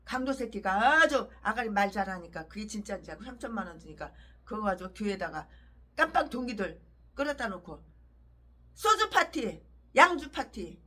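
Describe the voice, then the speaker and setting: A woman's voice: medium pitch, very animated, normal speed, sharp tone, slightly rough. A woman pastor giving a fiery sermon, ranting harshly with repeated emphatic phrases.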